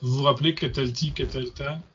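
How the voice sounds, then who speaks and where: A man's voice: mid-range voice, fairly even intonation, brisk, fairly bright tone, highs cut off, slight background noise. A man teaching a grammar lesson, patiently repeating and spelling out words. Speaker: Hebrew teacher.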